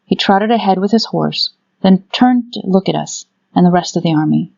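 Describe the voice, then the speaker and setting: A woman's voice: lowish voice, normal speed, gravelly, a little mellow, dull audio. A woman narrating a fantasy audiobook in a scripted, dramatic storytelling style.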